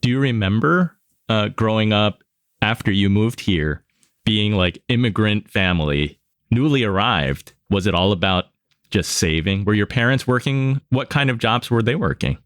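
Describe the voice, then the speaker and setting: A man's voice: on the low side, animated, normal speed, fairly bright tone, no echo, studio quality. A man hosting a podcast interview, introducing the guest and asking questions in an upbeat, enthusiastic way. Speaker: podcast host.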